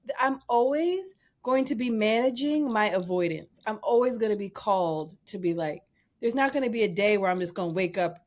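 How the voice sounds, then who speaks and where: A woman's voice: mid-range voice, brisk, darkish tone. A woman in her thirties co-hosting a podcast over a call, talking candidly and mocking herself with frequent laughs. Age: 30s. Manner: candid, self-deprecating, laughs often. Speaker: podcast co-host. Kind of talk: casual chat. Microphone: remote call.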